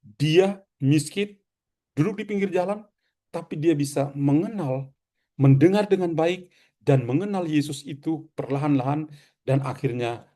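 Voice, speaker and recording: A man's voice: a little high, warm tone. A man, a priest, preaching a devotional reflection in a conversational way, asking rhetorical questions and adding casual asides.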